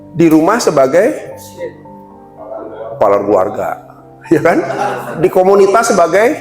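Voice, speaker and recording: Man, middle-aged, from Indonesia: an animated workplace trainer who switches into little character voices for quotes. Medium pitch, faint music behind. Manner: lively, acts out quoted staff and bosses in snappy voices; addresses the audience as Pak again and again. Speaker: corporate trainer. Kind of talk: leadership training talk.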